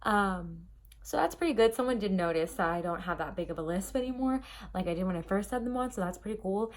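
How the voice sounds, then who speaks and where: A woman's voice: mid-range voice, animated, fast talker. A young woman vlogging casually from her bedroom, chatty and rambling with lots of ums and likes, and a slight lisp. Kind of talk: casual chat to camera.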